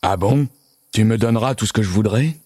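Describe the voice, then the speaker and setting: A man voicing a horrible, angry male monster in a children's story read aloud, shouting and sneering with menace. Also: lowish voice, a little fast, no room sound, clean studio sound, natural voice. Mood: menacing.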